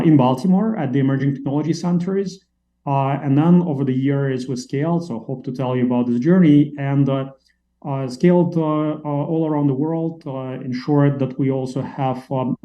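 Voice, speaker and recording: A man from Latvia, a company CEO, answering interview questions at length with many fillers and pauses. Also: mid-range voice, dull audio. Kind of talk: interview conversation.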